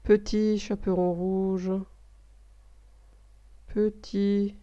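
A woman giving a slow spelling dictation lesson, repeating each word and explaining the grammar step by step. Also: mid-range voice, level tone, dark tone. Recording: dull lo-fi recording.

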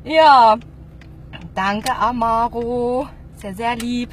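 A woman's voice: on the high side, extremely slow. Giggly chatty woman vlogging in a car. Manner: giggly, chatty, greets viewers by name. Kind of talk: casual vlog chat. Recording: car noise behind.

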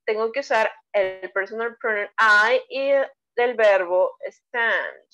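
The recording is muffled, and the woman's mid-range voice comes across slow, pushed and bright. Originally from Peru and carrying a Peruvian Spanish accent, she teaches a bilingual English lesson online, explaining grammar step by step and praising her students.

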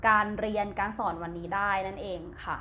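Her medium-pitched voice stays steady and brisk over slight background noise as this Thai-accented woman leads a primary English lesson. Each word gets spelled letter by letter, repeated twice, and defined. The recording is a slow classroom lesson, and her patient, gentle manner shows in the polite particles that end her phrases.

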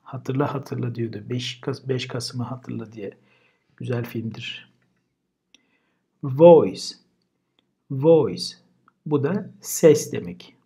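A man's voice: medium pitch, a little slow, dark tone, slightly rough. A man teaching English vocabulary in a casual lesson. He says each word twice and then explains it. Turkish is his first language.

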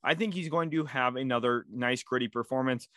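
Energetic young man hosting sports picks. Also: medium pitch, brisk, dry recording. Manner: energetic, leads the segment and hands questions to co-host. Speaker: sports podcast host. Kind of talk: casual sports prediction talk.

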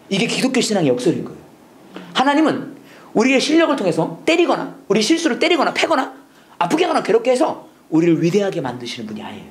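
Fast, lively Bible school teacher. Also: medium pitch. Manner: animated, laughs at own slips, acts out quoted prayers. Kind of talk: lecture mixing English lessons with preaching.

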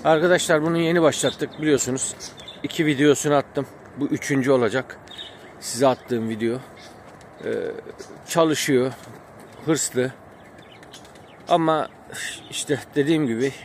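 A man's voice: medium pitch, darkish tone, slight background noise. A man vlogging about his pigeons, venting in a rambling, frustrated way with many fillers. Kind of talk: casual vlog talk to viewers. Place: outdoors by a pigeon coop. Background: pigeons cooing and birds chirping.

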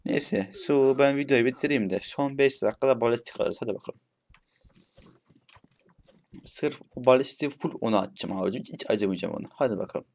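A young male gaming YouTuber gives casual gameplay commentary in a medium-pitched voice, talking fast but pausing often. He is chatty, swears playfully at the bots, and shouts when frustrated.

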